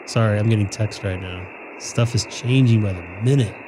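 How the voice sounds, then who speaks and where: A man's voice: fairly low pitch, normal speed. A man who is an amateur radio operator, chatting casually in an informal way. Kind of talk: casual chat. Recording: clear background radio hiss.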